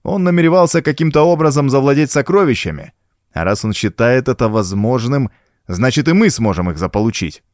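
A man's voice: medium pitch, lively intonation, fairly quick, dry recording, clean studio sound, lightly acted. A man voicing a cool-headed male pirate officer in an audiobook, terse and commanding. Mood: planning.

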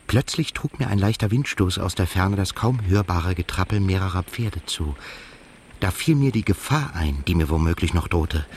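This literary radio drama features a male actor as a melancholy émigré narrator haunted by the past, speaking in a measured, reflective manner. His voice is low yet animated, there's slight background noise, and the mood is somber and reflective.

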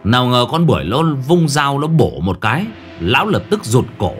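A man's voice: medium pitch, very animated, normal speed, faint music behind. A man narrating a comic folk tale in an earthy, colloquial way. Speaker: storyteller.

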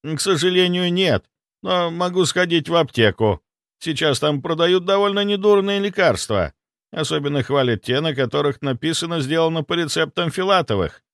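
A man's voice: a little high, lively intonation, moderate pace, fairly bright tone, no echo, clean studio sound, pitched above the performer's own voice. A man voicing a polite male butler who speaks courteously in an audiobook. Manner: courteous, smooth.

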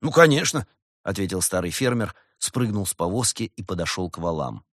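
A man narrating an audiobook in an expressive storytelling manner. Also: low-pitched, brisk, no room sound, studio quality. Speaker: audiobook reader.

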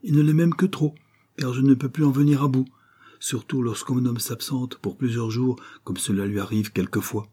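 A man voicing a stout, red-faced boatman's wife, worried and talkative, raising his pitch for her. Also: fairly even intonation, normal speed, mellow, slightly rough, close to an everyday voice. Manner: fretful, talkative, pleading. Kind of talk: audiobook character reading.

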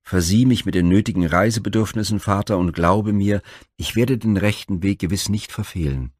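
A man reading the part of an eager, brave young prince in a myth storybook, reassuring quickly and willingly. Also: on the low side, no echo, clean studio sound, close to an everyday voice.

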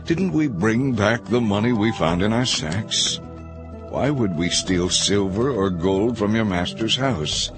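A man's voice: on the low side, expressive, a little slow, music in the background. A man voicing indignant, frightened brothers.

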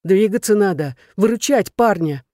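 A reader voicing a brash, loyal young woman friend who scolds loudly. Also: medium pitch, expressive, normal speed, no room sound, studio quality, voice pushed up, natural voice. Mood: fierce.

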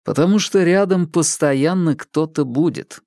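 A man playing a calm, ironic young male detective with a dry, teasing, unhurried manner in an audiobook. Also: fairly high pitch, dry recording, voice pushed up. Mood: wry.

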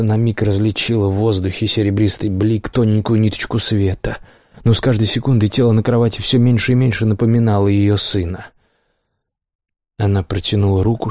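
A man narrating an audiobook in a measured, dramatic reading voice, recorded on a close studio mic. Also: on the low side, darkish tone, dry recording. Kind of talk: scripted narration.

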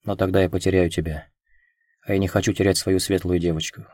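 A man reading the lines of a hurt, proud young woman in an audiobook, in a quiet, subdued voice. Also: low-pitched, level tone, fast talker, no room sound, studio quality.

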